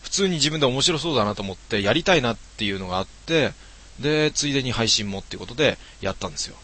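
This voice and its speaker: A man streaming from home, chatting casually with lots of relaxed fillers. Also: medium pitch, fast talker. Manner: relaxed, rambling talk with many fillers. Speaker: game streamer. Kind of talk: casual chat. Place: his home.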